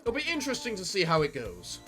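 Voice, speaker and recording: A man with a high, bright voice gives casual gaming commentary as a co-host. He rambles in big swooping intonation, a touch theatrical, over game music. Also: huge pitch swings, quick pace. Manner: rambling, theatrical sign-offs. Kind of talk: casual let's play commentary.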